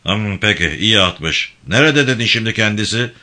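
A man's voice: lowish voice, lively intonation, normal speed, sharp tone, voice pushed up. A man voicing a young rider who pushes with nosy, insistent questions. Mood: probing. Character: probing young horseman, pushy. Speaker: Hacı Nuri's son-in-law.

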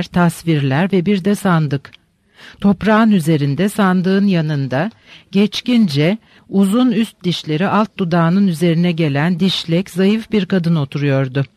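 A man narrates a novel in a measured, descriptive reading. His voice sits fairly high and the sound is dry and close, with no room echo. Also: darkish tone. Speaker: audiobook narrator. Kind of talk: scripted literary narration.

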